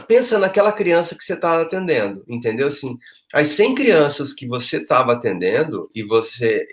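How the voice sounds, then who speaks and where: A man speaking as a guest, emphatic and acting out quoted thoughts. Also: medium pitch. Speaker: guest, social project leader. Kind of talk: conversational discussion.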